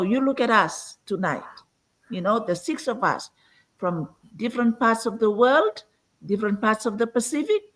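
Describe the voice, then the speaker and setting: A woman's voice: medium pitch, poor audio. A woman in her sixties from Fiji, a guest on an online live-stream interview, telling her story earnestly and filling her sentences with "you know". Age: 60s. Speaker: guest entrepreneur.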